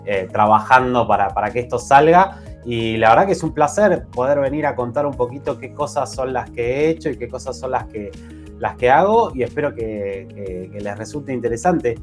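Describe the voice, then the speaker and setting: A man's voice: medium pitch, animated. A man with a Buenos Aires accent talks as a podcast guest in an easy, conversational way. He often restarts his sentences and fills gaps with "eh". His voice sits in a middle register, and faint music plays underneath. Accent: Buenos Aires Spanish. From Argentina. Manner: halting, many restarts and "eh" fillers. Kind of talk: casual interview chat.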